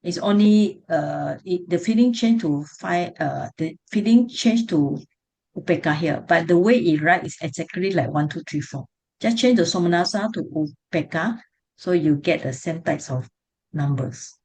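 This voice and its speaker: A woman's voice: fairly low pitch, animated, moderate pace, darkish tone. A woman with a Singaporean or Malaysian English accent teaches an online class, explaining step by step in colloquial Singlish and checking that students follow. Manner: colloquial Singlish phrasing with tag words like "ah". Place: online video call class.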